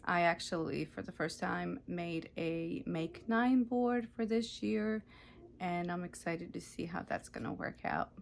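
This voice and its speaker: Ukrainian-born woman, 30s, knitting vlog host; chatty, slow, self-correcting, slightly gravelly. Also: on the low side, slight background noise. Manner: chatty, self-correcting, often unsure of details. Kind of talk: casual show-and-tell vlog.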